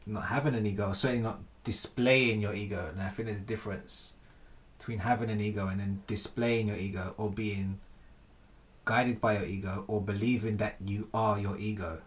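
A man's voice: lowish voice, steady tone, moderate pace. A man in a casual philosophical chat, thinking aloud with hesitant restarts.

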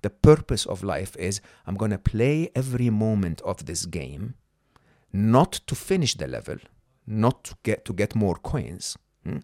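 Speaking in a lowish, darkish voice, this non-native English-speaking man in middle age appears as a podcast guest and coaches conversationally. He drives his ideas home emphatically, often asking the listener "okay?" or "hmm?", in a dry, studio-quality recording.

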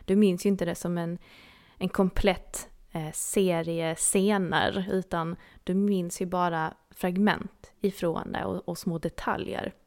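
Swedish-speaking woman telling a story, creaky. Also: fairly low pitch, steady tone, a little mellow. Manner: earnest, intimate, dropping to near-whispers at intense moments. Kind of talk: personal storytelling.

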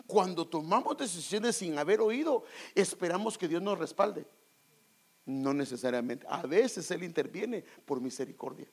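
Male pastor, high voice, very lively delivery, sermon to the congregation. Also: moderate pace, husky. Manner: animated preaching, addresses congregation as brothers; acts out quoted voices, rising to loud emphatic peaks.

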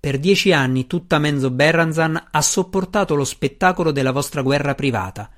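Man voicing a withered old dark elf matriarch, cool, curt and in charge, audiobook. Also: on the high side, fairly quick, lightly acted. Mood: commanding. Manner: calm, commanding, curt. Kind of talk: audiobook reading.

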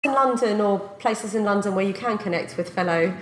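Quick-talking woman podcast co-host. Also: medium pitch, faint music behind. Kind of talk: casual chat. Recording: roomy echo.

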